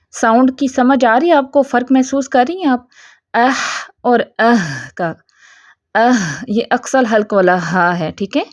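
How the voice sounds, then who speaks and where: A woman teaching a Quran pronunciation lesson, patiently explaining step by step and checking in often with her students. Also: a little high. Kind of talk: tajweed lesson.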